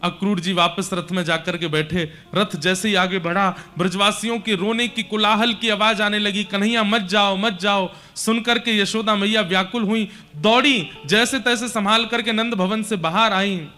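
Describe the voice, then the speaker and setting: Narrate as a man telling a devotional scripture story: keep your voice high and bright, swell dramatically at emotional peaks, soft music underneath. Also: steady tone, moderate pace, hardly any pauses. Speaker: religious storyteller.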